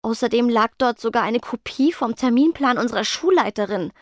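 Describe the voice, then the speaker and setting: A woman voicing a shy, nervous teenage ghost girl who speaks softly and stammers. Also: on the high side, lively intonation, brisk, dry recording, clean studio sound, pitched above the performer's own voice, lightly acted. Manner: soft, stammering, timid.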